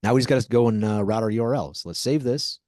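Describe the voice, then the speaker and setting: A man teaching a live coding lesson as an instructor, dictating code word by word with deliberate pauses. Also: medium pitch, a little mellow, dry recording, studio quality. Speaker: programming instructor.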